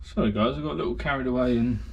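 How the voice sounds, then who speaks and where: A man's voice: medium pitch, rapid-fire, creaky, dull audio, a little hiss or hum. Chatty British man in a hot garage. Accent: British English. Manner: chatty, rambling, lots of ums and so-yeahs. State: slightly out of breath from heat. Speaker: amateur race car builder. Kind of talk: casual workshop vlog narration.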